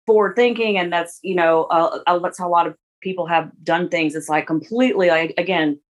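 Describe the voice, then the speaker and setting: A woman's voice: fairly low pitch, steady tone, a little fast. Rambling woman in her forties. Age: 40s. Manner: rambling, many restarts and fillers. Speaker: guest. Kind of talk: casual interview talk.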